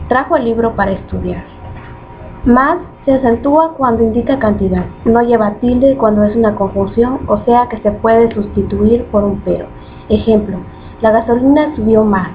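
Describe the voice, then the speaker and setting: A woman's voice: fairly high pitch, moderate pace. Woman reading a lesson over a tinny line. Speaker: student presenter. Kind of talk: reading a grammar lesson aloud. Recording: tinny phone-like recording with faint noise.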